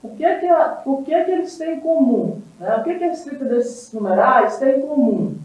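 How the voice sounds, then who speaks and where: A woman from Brazil teaching a televised English lesson, slow and patient, pausing often to check that the class follows and repeating key words. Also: high-pitched, lively intonation, darkish tone. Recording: roomy, distant, dull sound.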